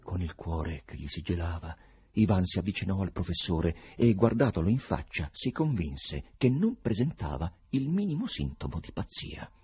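A man narrating a novel with a deep, low voice, reading expressively. His tone is husky and breathy throughout. His pitch rises and falls with lively animation. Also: moderate pace, dry recording. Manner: expressive storytelling. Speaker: audiobook narrator.

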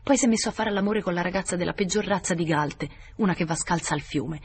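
A man's voice: high voice, fast talker, slight background noise, lightly acted. A man voicing a proud, cold noblewoman who speaks with cutting scorn, in a storybook reading. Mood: scornful.

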